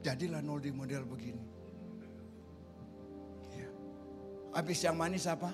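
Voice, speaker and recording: A male pastor preaching a lively, joking sermon in a church, acting out stories with sudden shouts. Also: fairly high pitch, a little slow, over loud music. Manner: animated, jokey storytelling with sudden shouts and voices. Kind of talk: lively sermon with acted-out anecdotes. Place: church sanctuary.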